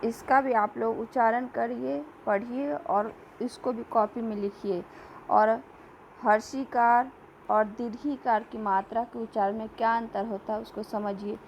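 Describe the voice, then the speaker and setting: A woman teacher giving a slow classroom lesson, reading questions and answers aloud and repeating words for young pupils. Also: fairly high pitch, fairly even intonation, muffled recording, slight background noise.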